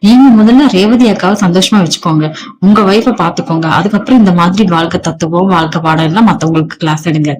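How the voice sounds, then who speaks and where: Defiant young married woman, sharp and scolding, voiced by the narrator in a read story. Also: mid-range voice, quick pace, natural voice, poor audio. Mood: angry, defiant.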